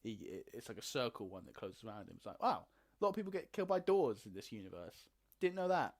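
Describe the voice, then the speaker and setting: A man co-hosting a casual podcast, excitable and laughing often. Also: mid-range voice, fast. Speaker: podcast co-host. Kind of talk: casual chat.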